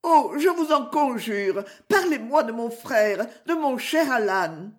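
A woman's voice: sits high, big pitch swings, normal speed, voice pushed up. A woman reading aloud voices a proud, frightened young woman who speaks imperiously and then pleads. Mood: distressed.

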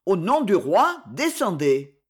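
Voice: medium pitch, sing-song, unhurried. A narrator voicing a sinister, scheming male nobleman who growls orders and strains to sound imposing in an audiobook reading. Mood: commanding.

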